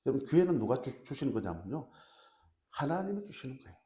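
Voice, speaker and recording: A male pastor preaching a sermon in a church, lively and questioning, playing out angry voices to make his points. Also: medium pitch, quick pace. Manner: animated preaching, asks the congregation questions, acts out angry kings and parents. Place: church sanctuary. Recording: roomy church echo.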